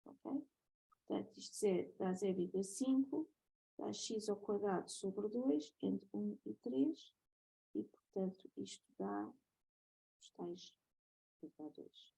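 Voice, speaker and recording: A woman lecturer with a European Portuguese accent works through a math lesson, methodical and checking in with her students often. Her voice is husky with a gravelly creak. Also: medium pitch, big pitch swings, takes it slowly, long pauses, dark tone, low-quality recording.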